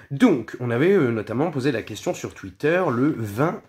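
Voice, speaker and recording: A man's voice: medium pitch, very animated, unhurried, darkish tone. A man talking casually in a vlog, rambling and scattered, full of hesitations and self-mocking asides, partly reading from notes. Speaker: vlogger.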